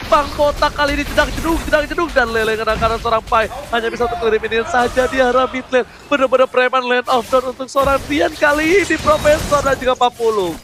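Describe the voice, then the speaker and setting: Male Indonesian esports caster, excited fighting game announcer delivery, very high pitch, rapid pace. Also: music in the background. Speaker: esports play-by-play commentator. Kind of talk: live esports commentary.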